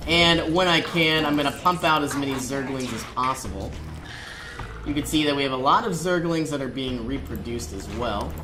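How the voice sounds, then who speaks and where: A casual gamer narrates a strategy walkthrough in a mid-pitched voice. Game sounds and noise run clearly behind the commentary. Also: moderate pace. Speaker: gameplay commentator.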